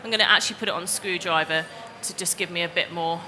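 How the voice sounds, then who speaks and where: She talks fast, with a lowish, steady and sharp voice, walking the audience chattily through each step of a live DIY demo. The headset or lapel mic captures the reverberant exhibition hall stage and some faint background noise.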